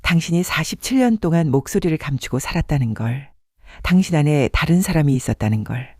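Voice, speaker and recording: A man voicing a remorseful elderly husband around seventy, with plain, halting speech. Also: a little high, expressive, a little mellow, no echo, studio quality.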